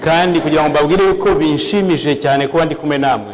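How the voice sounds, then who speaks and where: A man's voice: on the high side, fairly quick, long reverb tail, poor audio. A man interpreting a church service phrase by phrase, with small hesitations. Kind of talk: live sermon interpreting.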